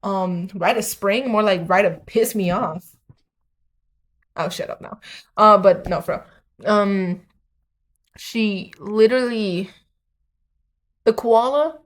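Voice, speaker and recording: A woman giving a profane, rambling, unscripted talk about a comic with many restarts. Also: medium pitch. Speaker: video creator.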